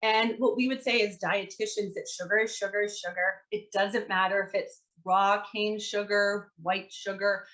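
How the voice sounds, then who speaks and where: A woman dietitian giving a relaxed online presentation to teachers, conversational with lots of fillers and a dry sarcastic streak. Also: medium pitch, moderate pace, hardly any pauses, rough recording.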